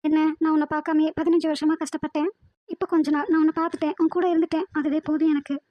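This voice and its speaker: Cartoon drama: a woman playing a hurt, devoted young woman, high and flat, pleading, dry close sound. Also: racing, no room sound, lightly acted. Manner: pleading, emotional, insistent. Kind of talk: animated drama voice acting.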